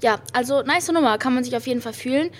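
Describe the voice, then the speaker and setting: Giddy, gushing young German woman, higher-pitched. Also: fast, faint music behind. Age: young adult. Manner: giddy, gushing, girlish excitement. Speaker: podcast host. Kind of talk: casual chatty pop-music podcast with youth slang and English phrases. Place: hotel lobby. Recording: clearly noisy room ambience.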